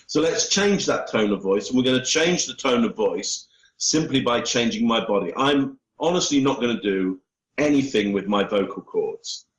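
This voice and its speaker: A man's voice: mid-range voice, animated, normal speed. A man, a body language expert, explaining and demonstrating tone of voice to an interviewer over a video call. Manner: explanatory, coaching, asks for feedback. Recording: echoey room.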